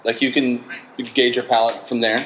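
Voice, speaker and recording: Animated storytelling man, bartender host. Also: mid-range voice, fairly quick, slight background noise, rough recording. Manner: animated storyteller, swears freely. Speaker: podcast host. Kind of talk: casual chat.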